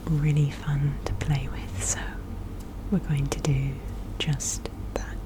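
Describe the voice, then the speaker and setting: A woman whispering softly and gently in an unhurried ASMR style, close to the microphone. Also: sits low. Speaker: ASMR video host. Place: indoor room with air conditioner running. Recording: clear steady background noise. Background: air conditioner noise, tapping and clicking of handled objects.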